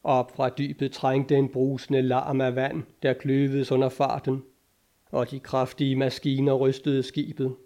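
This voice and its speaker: Dark-voiced male narrator, measured dramatic audiobook reading. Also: mid-range voice.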